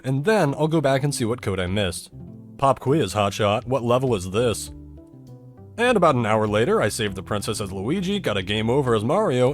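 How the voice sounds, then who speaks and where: A man delivers a scripted technical explainer about a video game, walking through it step by step with dry humor. His pitch rises and falls widely, and music plays alongside his voice.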